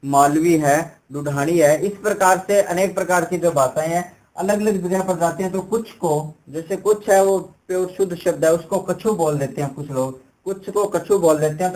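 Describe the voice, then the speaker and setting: A man's voice: fairly high pitch, darkish tone, low-quality recording. A young man teaching an exam-prep language lesson, explaining step by step and often asking rhetorical questions before answering them himself.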